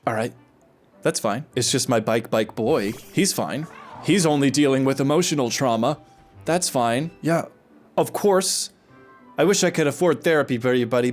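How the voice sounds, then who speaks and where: Woman, let's play commentary, animated delivery, jokey, gushing, soft game music behind. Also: sits low. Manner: excitable, jokey, gushing, emotional. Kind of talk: casual gameplay commentary.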